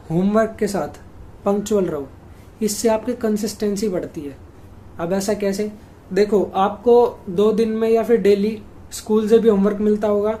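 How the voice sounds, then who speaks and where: A man's voice: high voice, dark tone, a little hiss or hum. A young man hosting a study-tips video, giving casual advice to students and speaking straight to viewers as he walks through numbered points.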